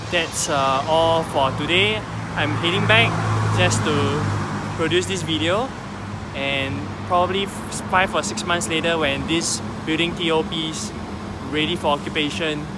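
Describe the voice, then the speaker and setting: A man's voice: a little high, a little slow. A man, a feng shui consultant thinking aloud in a selfie vlog outdoors, filmed on a phone held at arm's length. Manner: explanatory, thinks aloud with fillers. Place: outdoors by a busy road. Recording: loud street traffic noise behind.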